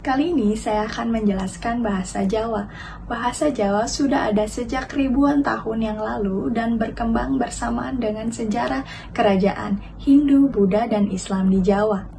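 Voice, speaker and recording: A young woman, a university student, giving a class presentation with careful, measured explanation. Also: on the high side, creaky, warm tone. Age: young adult. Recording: distant mic, faint noise.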